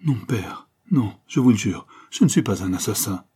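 A man's voice: on the low side, lively intonation, normal speed, warm tone, slightly rough. A man reading a remorseful young criminal son who timidly begs his father's forgiveness. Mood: pleading. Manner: timid, faint, then desperate.

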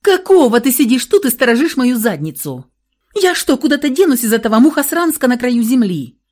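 Audiobook: a shrill, hot-tempered young heroine, read by a woman, high, swinging, loud delivery. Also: big pitch swings, normal speed. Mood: furious. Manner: shrill, outbursts of hysterics. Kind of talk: audiobook role reading.

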